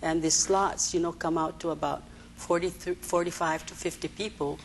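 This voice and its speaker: Woman, low pitch, gravelly, hesitant, many fillers, faint noise. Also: steady tone, normal speed, poor audio. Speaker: executive director of a social services agency, interview guest. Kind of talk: TV interview answers. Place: TV studio.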